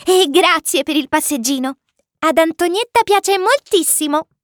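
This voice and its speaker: A woman voicing a tiny, curious, cheerful alien boy prince in a storybook reading, with a high, excited, childlike manner. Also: a little slow, no echo, studio quality. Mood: eager childlike.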